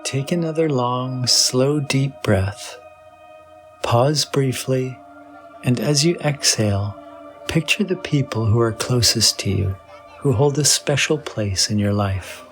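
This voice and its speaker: A man leads a meditation very slowly, leaving long pauses between phrases in a soothing, measured, mid-range voice. Clear meditation music with a singing bowl plays behind him.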